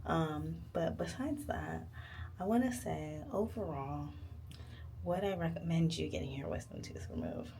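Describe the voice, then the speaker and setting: A woman's voice: low-pitched, measured pace, vocal fry, dark tone, slight background noise. A woman chatting casually to camera as a vlogger, candid, informal and slangy.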